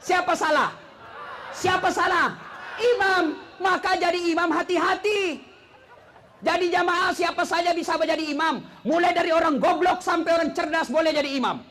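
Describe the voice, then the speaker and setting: High-voiced preacher telling jokes. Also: male voice, moderate pace, sharp tone, a little hiss or hum. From South Sulawesi. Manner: joking storyteller, acts out characters, drops low for punchlines. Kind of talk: humorous sermon.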